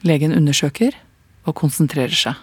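Husky male documentary narrator, dry sound. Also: fairly high pitch, animated, no echo.

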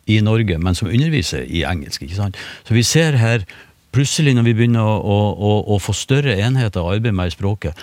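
A man explaining word sounds in a relaxed radio conversation, with frequent fillers and restarts. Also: low voice, dry recording. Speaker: phonetics expert. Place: radio studio.

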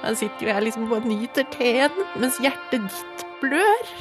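A woman's voice: on the high side, expressive, lightly acted. Lady playing a super emotional oversensitive woman, gushy and sorry about everything, music behind. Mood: gushing teary. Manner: breathy, emotional, over-apologetic gushing. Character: gushing, oversensitive woman, teary and apologetic. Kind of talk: comedy sketch, mock documentary interview.

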